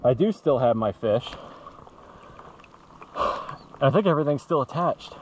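A middle-aged man talks bluntly to his viewers, swearing freely as he stands waist-deep in a river. His voice is picked up by an action camera on the boat, and clear splashing water and wind run under it. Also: expressive, a little slow. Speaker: fishing vlogger. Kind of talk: casual outdoor vlog. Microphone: action camera mounted on the kayak. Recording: outdoor camera audio with water noise.

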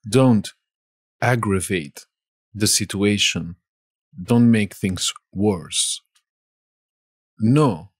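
A man from Spain with a Spanish accent, teaching vocabulary in a slow lesson and saying each word twice. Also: on the low side, slightly rough, no echo, clean studio sound.

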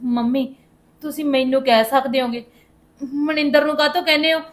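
A young wife caught between her mother and her in-laws, played by a woman. Her voice sits high, and she hushes and pleads. She tries to calm the quarrel. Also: moderate pace, lightly acted. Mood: pleading. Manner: pleading, hushing. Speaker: daughter-in-law, the visiting mother's daughter.

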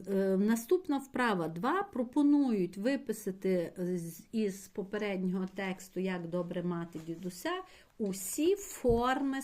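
A woman teacher giving a patient primary school language lesson, explaining slowly and spelling out words syllable by syllable for her pupils. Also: mid-range voice, a little mellow. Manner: slow, patient explaining, addressing pupils directly.

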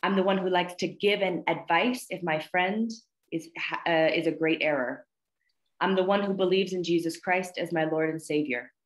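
Speaking at a normal speed in a fairly low voice, this woman in her thirties encourages and praises students as she hosts their poetry reading over video call. She's in a plain indoor room that sounds echoey.

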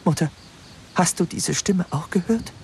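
A man voicing a poor young boy in a spooky fairy tale, speaking in a high, urgent boyish voice. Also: brisk, slight background noise, close to an everyday voice. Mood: frightened. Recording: music playing clearly behind.

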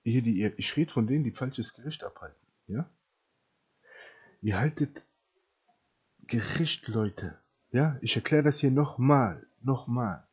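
Guy preaching hard at the camera, husky voice, keeps going "ja?", dull muffled audio. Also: medium pitch, lively intonation, a little slow, long pauses. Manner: emphatic, keeps asking "ja?", repeats and restarts phrases, loudness swings widely. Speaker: preacher addressing Christians. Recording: dull lo-fi recording.

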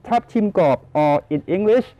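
A man's voice: high voice, lively intonation, takes it slowly, no room sound, muffled recording. A man with a Thai accent teaching a bilingual classroom lesson, drawing out words and coaxing students to repeat them. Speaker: teacher running a cooking class. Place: school classroom.

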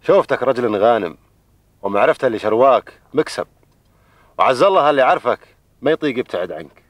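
An actor playing an earnest middle-aged suitor in a television drama, speaking formally and respectfully with a Bedouin Arabic accent. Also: male voice, mid-range voice, expressive, fast, dry recording, far from the mic, lightly acted. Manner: deferential, formal.

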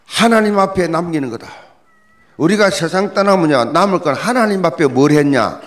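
A man's voice: on the high side, expressive, normal speed, a bit bright. A middle-aged male pastor, preaching a dawn prayer sermon, repeating key words and firing questions at the congregation. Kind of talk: early-morning prayer sermon.

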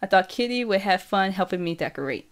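Slow, steady woman reader. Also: medium pitch. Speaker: audiobook reader. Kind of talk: first-person novel narration.

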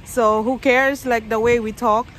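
A Filipino woman in her thirties, speaking with a Filipino accent, vlogs casually to a phone held at arm's length while standing on a snowy suburban driveway. Her voice sits on the high side, a bit bright and fairly even, unhurried, and she explains things chattily with loose grammar. The recording is rough, with a little hiss or hum.

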